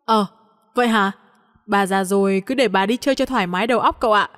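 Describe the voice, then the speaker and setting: A woman's voice: medium pitch, a bit bright, long reverb tail, natural voice. Brief: woman voicing a cheeky young man, pushy and upbeat, audiobook read. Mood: friendly. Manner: insistent, quick teasing talk.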